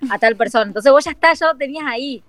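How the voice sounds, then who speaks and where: This is a young woman with a Tucumán accent, telling stories in a chatty, informal way. Her voice sits a little high, and the room is dry and close. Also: rapid-fire, no room sound. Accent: Tucumán Argentine Spanish. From Tucumán, Argentina. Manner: chatty storyteller, lively and informal. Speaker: guest. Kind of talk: casual chat.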